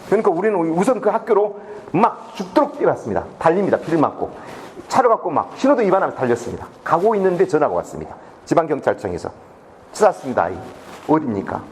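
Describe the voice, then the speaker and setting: A man's voice: fairly high pitch, quick pace, a little hiss or hum. A middle-aged man giving a public lecture, telling a story and acting out its dialogue. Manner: animated, acts out dialogue in his story.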